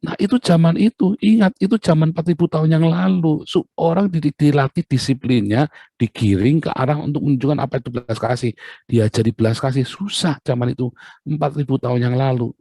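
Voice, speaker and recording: Brief: male preacher, mellow and husky, in a dry room, chatty sermon. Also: on the high side, a little fast, dry recording. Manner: conversational, with asides and rhetorical questions.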